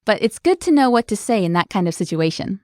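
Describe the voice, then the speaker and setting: A woman's voice: mid-range voice, very animated, fast, darkish tone, clear, resonant tone, dry recording, studio quality. A woman hosting a language lesson podcast, explaining words in an upbeat, scripted way.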